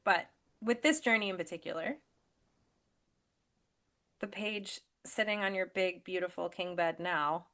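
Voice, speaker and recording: A woman's voice: on the low side, fairly bright tone. A woman hosting a podcast, chatting casually and encouragingly with a friend, laughing often. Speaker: podcast host and life coach.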